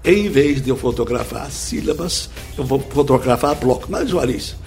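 A middle-aged man, explaining a teaching method as an interview guest through lively step-by-step examples. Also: mid-range voice, normal speed, soft background music. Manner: lively, didactic, full of examples. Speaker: speed-reading teacher, guest.

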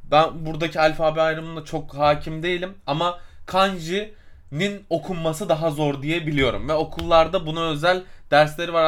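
A man's voice: fairly high pitch, fairly bright tone. A man co-hosting a travel podcast, telling a long story in a casual, rambling way with many fillers. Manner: storytelling, explains at length with fillers and searches for words. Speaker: podcast co-host. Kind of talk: casual chat.

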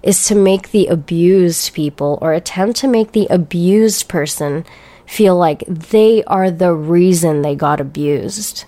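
A woman hosts a solo podcast in an unhurried, drawn-out delivery. She is blunt and profane and rants with a sarcastic edge. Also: fairly low pitch, dark tone. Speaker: podcast host.

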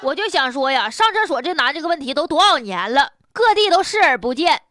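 A woman's voice: high-pitched, very animated, brisk, fairly bright tone, a little hiss or hum. A woman with a Northeastern Mandarin accent hosting humorous, colloquial news commentary in a blunt, opinionated way. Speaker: host of a news commentary show.

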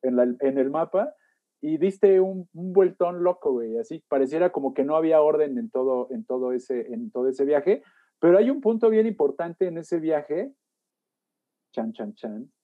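A man's voice: fairly high pitch, moderate pace, phone-quality sound. A man hosting a podcast in casual chat, joking and slangy. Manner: joking, slangy, fills with "güey". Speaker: podcast host.

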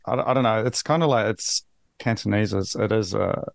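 A man's voice: fairly low pitch, moderate pace, vocal fry, no room sound, clean studio sound. A man from New Zealand hosting a podcast interview, chatting casually and rambling with frequent restarts. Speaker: podcast host.

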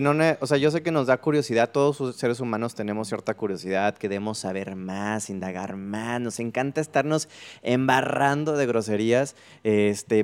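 A host in a casual chat, quick and reflective, often agreeing. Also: medium pitch, darkish tone, smooth. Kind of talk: casual conversation.

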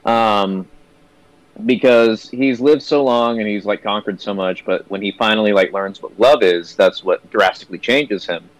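A man's voice: on the low side, moderate pace, no echo, rough recording. A young man co-hosting a movie review chat, rambling with many fillers and restarts. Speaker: movie review podcast co-host. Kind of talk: casual chat.

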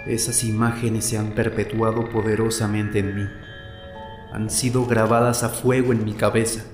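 A man playing a haunted blind witness, telling his memory in a slow, grim way. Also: lowish voice, flat delivery, natural voice. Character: haunted blind male witness, grave, middle-aged. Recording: roomy echo with loud music.

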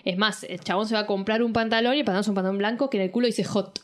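A young woman with a Rioplatense accent, telling a story in slangy, animated casual chat. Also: medium pitch, rapid-fire. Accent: Rioplatense Spanish.

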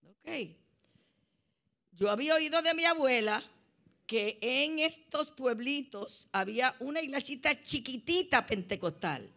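A middle-aged woman with a Puerto Rican Spanish accent, sharing her personal faith testimony in an animated, storytelling way. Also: high-pitched, measured pace. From Puerto Rico. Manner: animated storytelling with laughs and acted quotes. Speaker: church member sharing testimony.

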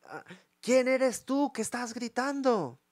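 A man's voice: extremely high pitch, sing-song, takes it slowly, no room sound, voice pushed up, heavily acted. A man voicing an army captain just roused from sleep, mumbling in confusion. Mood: groggy. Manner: drowsy, bewildered mumbling.

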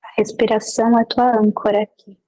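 A woman leading a guided meditation. She gives gentle, unhurried instructions with long pauses between them. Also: on the high side, flat delivery, low-quality recording.

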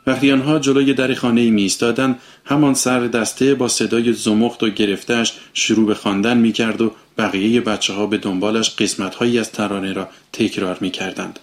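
A man reading a short story aloud in a calm, even storytelling manner. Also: fairly low pitch. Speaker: narrator. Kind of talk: storybook narration.

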